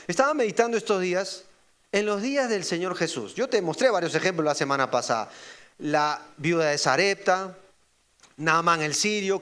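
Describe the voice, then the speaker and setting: A man preaching a sermon as pastor, asking the congregation rhetorical questions and acting out the voices he quotes. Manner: acts out quoted voices with sharp pitch jumps.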